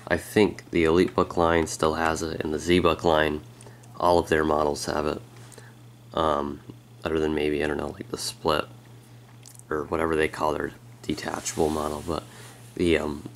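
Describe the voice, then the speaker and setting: A man who is a bit sick, giving a casual, halting walkthrough of his laptop as a tech vlogger. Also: extremely low pitch, completely flat delivery, slight background noise. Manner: halting and unhurried, with frequent pauses. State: sick, with a slightly strained voice. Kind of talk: casual hands-on product walkthrough.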